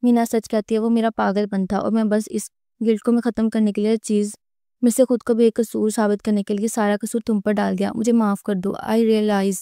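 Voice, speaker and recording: A woman voicing a remorseful young husband in an audiobook-style romance reading, talking softly and earnestly. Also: medium pitch, flat delivery, smooth, no room sound, clean studio sound, lightly acted.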